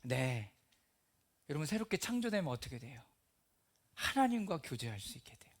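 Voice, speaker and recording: A middle-aged male pastor delivers a sermon in a church, his voice pitched high and swinging widely in tone. He acts out the voices he quotes and at times sinks to a near-whisper for emphasis. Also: very animated, normal speed, husky. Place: church hall.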